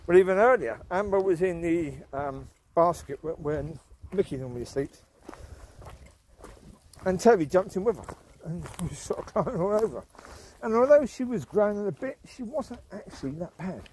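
A man's voice: sits high, animated, moderate pace, darkish tone, a little hiss or hum. A man chatting casually as he walks his dogs outdoors along a countryside path, rambling and often restarting or trailing off. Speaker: vlogger and dog owner. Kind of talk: walk-and-talk vlog.

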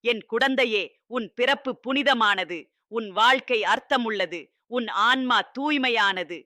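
A man voicing a loving fatherly god who speaks to his child in a scripted devotional address, solemn and tender, with steady repetitive reassurances. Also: very high-pitched, a little slow, no echo, studio quality, full character voice.

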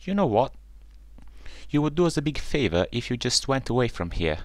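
A man voicing mean young ducklings in a storybook reading, taunting and shouting. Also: low-pitched, a little slow, no room sound.

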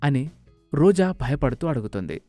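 A man narrating a scripted story, expressive and animated. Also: a little high, moderate pace, no room sound, faint music behind.

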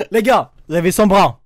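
A young man doing reaction video commentary, excitable and mocking, laughing often as he talks. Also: sits high. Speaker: YouTuber reacting to a music video.

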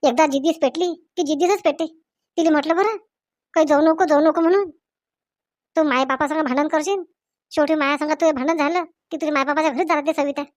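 A woman's voice: high-pitched, quick pace, no room sound, clean studio sound, lightly acted. A woman voicing a stern young husband in a comedy sketch, firm and scolding, in a Varhadi Marathi accent. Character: young husband, stern, trying to keep the peace.

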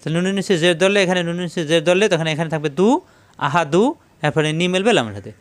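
A patient man giving a Quran reading lesson with a smooth, clear, rather high voice. He spells each word out syllable by syllable and then recites it slowly. The sound is close and dry. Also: no room sound. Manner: patient, repeatedly tells listeners to pay attention. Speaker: Quran teacher.

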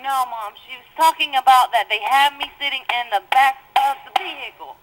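Over a jail telephone, a woman inmate with a high-pitched, slightly bright voice argues with her mother about her court case at a moderate pace. She's agitated and heavily profane, talking over her mother, and the recording quality is low.

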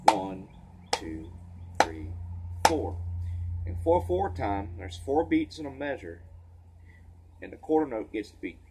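A man teaching a clawhammer banjo lesson, a little tired, counting beats aloud in a relaxed, casual way. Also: on the low side, slow, pauses often, a little hiss or hum, poor audio. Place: porch. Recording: banjo playing behind.

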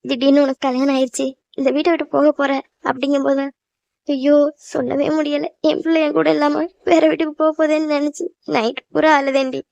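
A woman's voice: sits high, little pitch movement, fairly quick, creaky, a little mellow, no echo, dull audio. A woman voicing a worried, loving cartoon mother who fusses and pleads with her newly married daughter. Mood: tearful. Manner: fussing, emotional, pleading. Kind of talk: cartoon voice acting.

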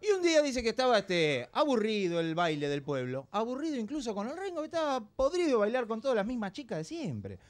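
Argentine male comic, high lively voice, jumps into squeaky character voices. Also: fairly quick, hardly any pauses. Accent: Argentine Rioplatense. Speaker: comedian telling jokes. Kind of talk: stand-up joke telling on TV. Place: TV studio.

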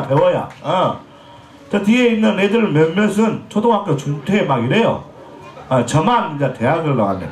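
A man in his forties from Jeolla, a pumba street performer joking and teasing the crowd on an outdoor festival stage, his throat a bit scratchy. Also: high-pitched. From Jeolla, Korea. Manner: joking, teasing, chatty with the audience. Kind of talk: comic stage banter with the crowd. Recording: echoey festival PA sound.

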